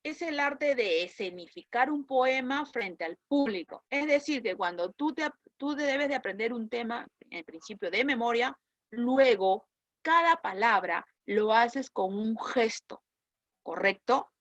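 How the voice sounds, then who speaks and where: A woman's voice: a little high, animated, measured pace, no room sound, lo-fi sound. A woman teacher with a Peruvian Spanish accent, explaining a lesson in an online class and checking with her students as she goes. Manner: explanatory, asks students questions and checks with "¿correcto?".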